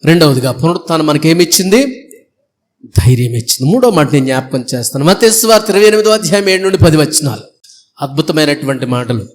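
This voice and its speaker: High-pitched guy preaching in church, emphatic, repeats lists and keeps asking the crowd questions. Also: expressive, fast, slight background noise. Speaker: pastor. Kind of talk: Easter sermon. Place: church before a congregation.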